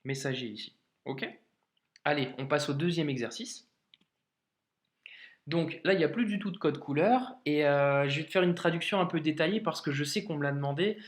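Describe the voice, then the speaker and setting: Guy teaching arabic letters, kinda high voice, lots of hesitating, slows way down to sound words out, echoey room. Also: expressive. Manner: informal, addresses the learner as "tu", many hesitations. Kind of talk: casual video lesson.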